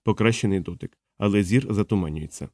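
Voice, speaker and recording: A man's voice: fairly low pitch, a little fast, a little mellow, no echo. Man narrating an audiobook, dry sound. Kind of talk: scripted narration.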